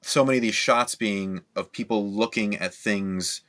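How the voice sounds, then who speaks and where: A man talking casually with friends about a film on a podcast, lively and full of quoted reactions. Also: fairly low pitch, normal speed. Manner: animated, talks in bursts with restarts and quoted reactions. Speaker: podcast co-host.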